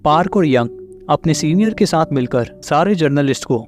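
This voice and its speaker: Film की कहानी सुनाता पुरुष, हल्का संगीत पीछे. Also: male voice, fairly high pitch, normal speed. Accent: Hindi. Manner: steady storytelling, long linked sentences. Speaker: movie recap narrator. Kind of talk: scripted narration. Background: faint background music.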